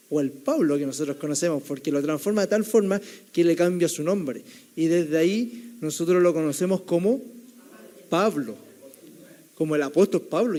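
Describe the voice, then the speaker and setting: A young man delivers a sermon in a slightly high voice. His tone is mellow and warm rather than bright. He tells the story conversationally, often checking in with the listeners through a tag question. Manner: keeps adding the tag question "right?", storytelling tone. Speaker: theology student preaching.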